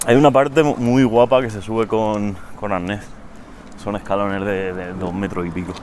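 A man's voice: on the low side, steady tone, moderate pace, a little mellow, slight background noise. A young man in casual chat, teasing and laid-back.

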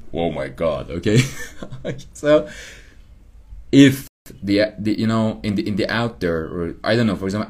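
Slow, lively self-help podcaster, man. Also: mid-range voice, breathy edge. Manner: rambling, repeats himself, laughs at himself. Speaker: podcast host. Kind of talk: casual self-help monologue.

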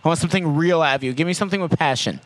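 A man's voice: on the high side, racing, no room sound, rough recording. A man hosting a casual podcast with friends, pushy and joking, swearing freely. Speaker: podcast host. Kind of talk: casual banter among friends.

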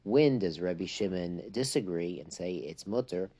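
Male religious teacher, low relaxed voice, explanatory and emphatic, informal lesson mixing English with Hebrew and Yiddish terms. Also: moderate pace, slightly rough.

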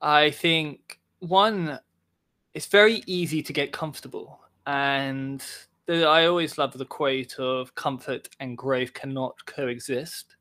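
A man's voice: fairly high pitch, takes it slowly, bright, forceful tone. A man talking as a guest on a podcast over a call, reflective and rambling, saying "sort of" often. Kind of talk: casual podcast interview. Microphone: remote call.

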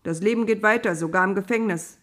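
A woman voicing an old male prison keeper who talks in a gruff, teasing, chatty way in an audio storybook. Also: mid-range voice, fast talker, fairly bright tone, natural voice. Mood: wry.

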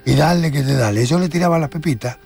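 A man's voice: a little high, fast talker, a little mellow, soft background music. A man in his seventies with a Rioplatense Spanish accent tells a comic childhood story, insisting on his point and acting out the scenes. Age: 70s. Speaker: storytelling guest. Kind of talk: comic anecdote on a talk show.

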